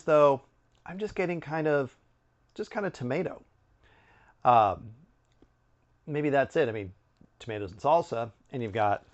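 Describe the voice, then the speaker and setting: A middle-aged man giving a casual product review to camera, conversational, with musing pauses and asides. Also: mid-range voice, highs cut off. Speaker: snack review video host. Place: indoor room with bookshelves.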